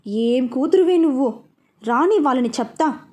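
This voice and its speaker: A woman's voice: high voice, expressive, normal speed, mellow. Lady playing a hurt mom scolding her daughter, teary. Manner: scolding, tearful. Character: middle-aged mother, hurt and scolding.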